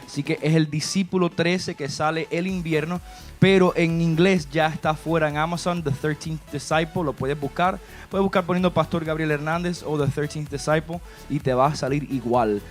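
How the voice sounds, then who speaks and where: Chatty high-voiced man pastor hosting. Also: steady tone, moderate pace, soft background music. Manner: preachy, warm and chatty, with many "¿verdad?" asides. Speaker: pastor and host. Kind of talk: church talk show.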